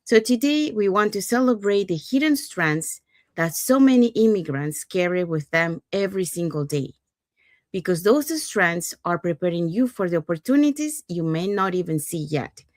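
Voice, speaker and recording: An upbeat woman from Panama hosts a live panel discussion over a video call, with a lowish voice. She moves things along with easy connecting fillers. The sound is dry and close, with no room around it. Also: lively intonation, normal speed, no echo. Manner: upbeat, leans on "so" and "you know". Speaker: host. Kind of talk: live panel talk show hosting.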